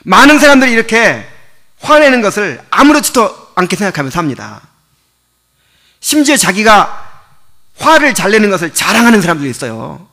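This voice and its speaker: Lively bright-voiced male pastor preaching. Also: high voice, moderate pace, long pauses. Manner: conversational, explains step by step with rhetorical questions; chuckles often while teaching. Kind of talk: sermon.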